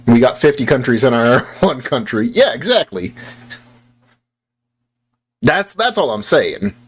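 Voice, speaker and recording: A young American man from Utah talks casually to his stream chat while he plays. His pitch jumps around a lot as he rambles and teases, and he sounds worn out from a long shift. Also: very animated, measured pace, husky. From Utah, United States. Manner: rambling, playful, self-deprecating, talks to chat. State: tired after a long work shift.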